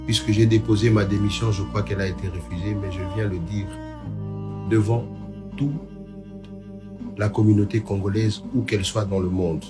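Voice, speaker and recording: Formal, low-voiced male police official. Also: fairly even intonation. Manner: formal, measured, declarative. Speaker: police commissioner making a statement. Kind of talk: formal video statement. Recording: loud music mixed over the voice.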